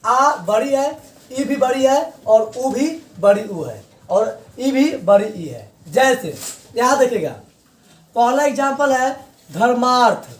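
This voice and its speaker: A man's voice: very high voice, animated, takes it slowly. A man teaching Hindi grammar, repeating each point as a question and answering it himself. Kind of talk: classroom grammar lesson. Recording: echoey room, voice from far off.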